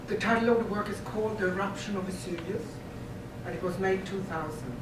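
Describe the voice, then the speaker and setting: A middle-aged Swedish man presents as an artist, speaking hesitantly with a Swedish accent and a weak, cold-affected voice. He sounds far from the microphone in an echoey room, with loud rumbling noise. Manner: halting, hesitant delivery in non-native English. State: has a cold, weakened voice. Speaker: visual artist giving a presentation. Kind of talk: informal artist talk to an audience.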